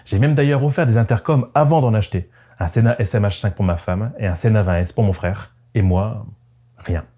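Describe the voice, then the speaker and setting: With background music underneath, a man narrates from a script as a motorcycle vlogger, speaking in the first person. His lowish, mellow voice moves a little fast, and his manner is reflective and conversational.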